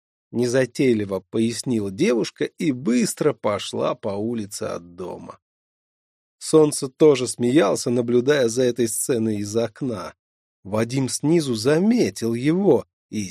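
A man narrating an audiobook in a measured, expressive reading. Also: medium pitch, creaky, breathy edge, no echo, studio quality. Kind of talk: scripted narration.

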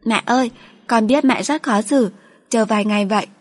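A woman's voice: on the high side, moderate pace, no room sound, studio quality, voice pushed up, close to an everyday voice. A woman doing a sweet, earnest little girl. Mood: earnest, pleading. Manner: sweet, pleading childlike voice. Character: small girl, earnest and tender. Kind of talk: audiobook character voice.

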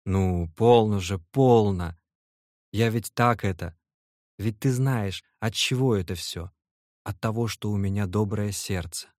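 A man voicing a nervous, lovestruck young male clerk in an audiobook, speaking in a halting, heartfelt way. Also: fairly low pitch, a little mellow, no room sound, studio quality, lightly acted. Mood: earnest.

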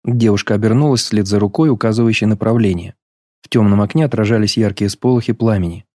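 A man reading a novel aloud as an audiobook narrator, in a measured, even storytelling manner. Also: on the low side, no echo, clean studio sound. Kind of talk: scripted literary narration.

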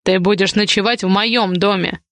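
A woman's voice: steady tone, fairly bright tone, no room sound, natural voice. A woman reading the lines of an angry, possessive man, a domineering guardian, with curt commands. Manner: curt, commanding, low and slow.

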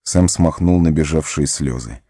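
Male audiobook narrator, very low and mellow, dry close recording, measured delivery. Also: no room sound. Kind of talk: storytelling narration.

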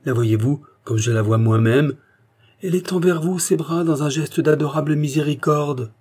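A man's voice: mid-range voice, moderate pace, dark tone, breathy edge, natural voice. A man voicing an old male Dominican hermit priest with a solemn, fatherly preaching manner. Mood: fervent.

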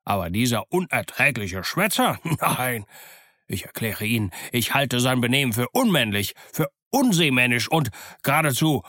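A pompous, easily outraged squire, voiced by a man reading the book, exclaims in a pitch pushed well above the reader's own. He sounds loud and indignant. The audiobook recording is dry and close. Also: very animated, normal speed, no echo. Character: blustering excitable gentleman squire, older man.

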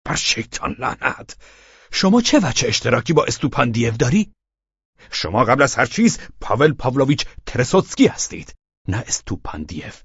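A man playing an impatient irritable gentleman, sharp exasperated delivery, husky voice, storybook reading. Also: on the low side, sing-song, dry recording, lo-fi sound, full character voice. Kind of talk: audiobook character reading.

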